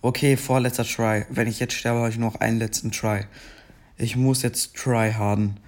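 This gaming video creator, a young man, talks his way through a game in slow, meandering commentary broken up by frustrated outbursts. He speaks at a medium pitch with little rise or fall, and his voice has a scratchy, morning-rough quality.

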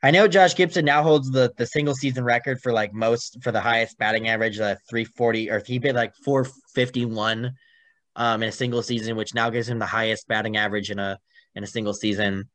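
A young man co-hosting a casual sports podcast, rambling along with plenty of fillers. His voice sits at an ordinary middle pitch. The sound is dry and close. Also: steady tone, brisk, fairly bright tone, no echo. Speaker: podcast co-host.

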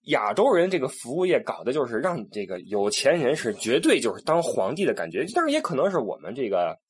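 A man's voice: medium pitch, brisk, slightly rough. A man, a tour guide telling stories in a casual monologue, with many restarts. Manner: animated, acts out quoted people, many restarts.

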